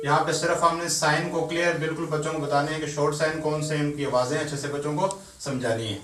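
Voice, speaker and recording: A man teaching a beginners' tajweed lesson. He talks patiently and drills each sound slowly, one syllable at a time. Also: on the high side, fairly even intonation, fairly bright tone, slight background noise. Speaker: Quran teacher. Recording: echoey room, mic at a distance.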